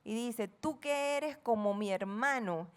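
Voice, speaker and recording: A woman's voice: on the high side, takes it slowly, clear, resonant tone. A middle-aged woman with a Panamanian accent preaching a sermon, reading scripture dramatically and asking the congregation questions. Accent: Panamanian Spanish. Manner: playful asides acting out friends' chatter.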